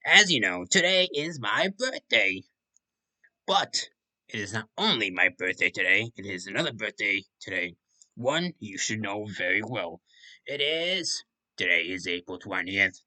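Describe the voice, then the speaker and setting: A man's voice: sits low, moderate pace, pushed and bright, dry recording. A man voicing a smug, showy young man who talks in a haughty, grandstanding way.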